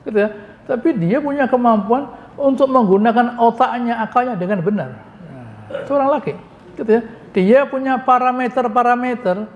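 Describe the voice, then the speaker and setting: A man's voice: high voice, a little mellow. A man giving a mosque lecture on Quran commentary, talking conversationally, answering his own rhetorical questions and dropping joking asides. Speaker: Islamic preacher. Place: mosque hall. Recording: long reverb of a mosque hall.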